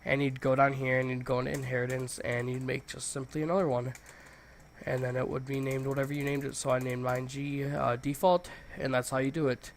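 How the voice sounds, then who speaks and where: Male tutorial host, mid-pitched, congested with a cold, loose and informal delivery. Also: level tone, brisk, slight background noise. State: congested, stuffy nose from a cold. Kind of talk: casual software tutorial, screen walkthrough.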